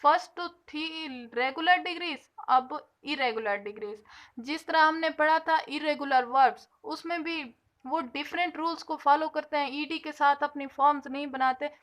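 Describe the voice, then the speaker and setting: Woman, high voice, patient grammar teacher, drawn-out example words. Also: a bit bright. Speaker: English teacher. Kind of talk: grammar lesson explanation.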